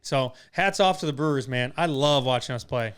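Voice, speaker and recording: A man's voice: mid-range voice, normal speed, clear, resonant tone. A young man from Wisconsin co-hosting a casual podcast, giving emphatic, opinionated sports talk. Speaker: podcast co-host.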